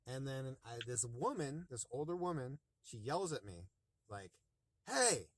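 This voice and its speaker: A man's voice: medium pitch, animated, normal speed, dry recording. A man working as a rideshare driver, calling support and rambling through his story with lots of fillers. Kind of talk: casual phone call. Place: in his car, also the vlog setting.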